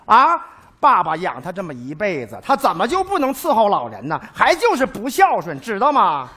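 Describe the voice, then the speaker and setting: An actor playing a blustering male caregiver in a comic sketch, loud and quick to argue. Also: high-pitched, huge pitch swings, breathy edge, exaggerated voice. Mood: indignant. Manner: loud, exclamatory, argumentative. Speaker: hired caregiver in a stage sketch.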